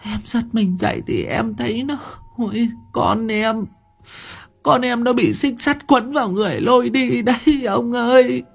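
A man voicing a panicked, sobbing village wife, wailing in a high, strained voice over faint music. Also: animated, slow, long pauses, slightly rough, exaggerated voice. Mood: wailing, terrified. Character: panicked sobbing old wife, middle-aged woman.

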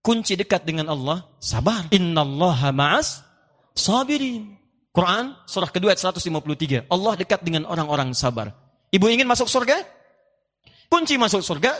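A male preacher with a high, lively voice delivers a sermon in a big hall, and the long reverb trails each phrase. He plays out small scenes from home life and recites Quranic Arabic between his points.

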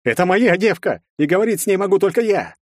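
A man voicing an arrogant, hot-tempered young brawler who shouts threats. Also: high voice, animated, quick pace, no room sound, studio quality, pitched above the performer's own voice. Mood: furious.

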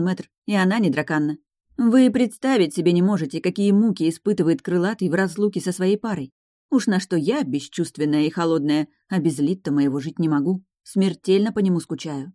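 A woman voicing a haughty, sharp-tongued dragoness lady in an audiobook, talking high, loud and scornful. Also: lively intonation, brisk, dry recording, clean studio sound, close to an everyday voice. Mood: commanding. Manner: scornful, commanding, raised and loud. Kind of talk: audiobook character reading.

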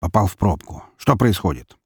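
A man's voice: low voice, expressive, moderate pace, slightly rough, no room sound, studio quality, full character voice. A man voicing a weary, cynical male investigator who grumbles and snaps sarcastically. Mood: irritable.

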